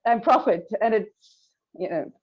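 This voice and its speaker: Woman, group video call, muffled lo-fi audio, thoughtful halting speech, environmental studies teacher. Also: a little high, expressive. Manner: thoughtful, halting, many fillers and restarts. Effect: heard over a group video call. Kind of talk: reflective panel talk. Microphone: computer mic on a video call.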